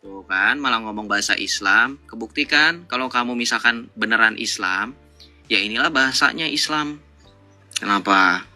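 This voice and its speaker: A man's voice: lowish voice, normal speed, sharp tone, faint music behind. A man hosting a live online debate, lecturing callers with mocking rhetorical questions. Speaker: live-stream debate host.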